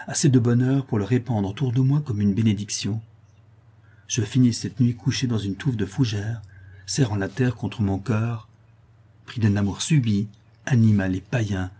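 A man narrating a literary novel as an audiobook in a measured, expressive reading. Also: mid-range voice, slightly rough.

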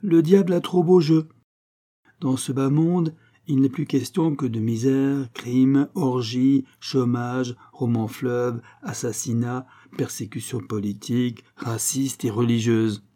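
A man's voice: mid-range voice, fairly even intonation, takes it slowly, mellow, close to an everyday voice. A man voicing a young male angel messenger who speaks eloquently and preaches. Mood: preachy. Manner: solemn, sermonizing delivery.

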